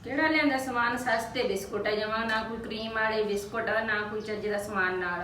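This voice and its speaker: This is a demanding, fault-finding village aunt who complains about every cup and biscuit, played by a woman. Her voice sits high and her tone is sneering. The recording is roomy, with faint hiss and a mic set well back. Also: fairly even intonation, fairly quick, bright, forceful tone. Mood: grumbling. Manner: nagging, scornful complaints. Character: grasping middle-aged village aunt, always demanding. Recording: echoey room, distant mic.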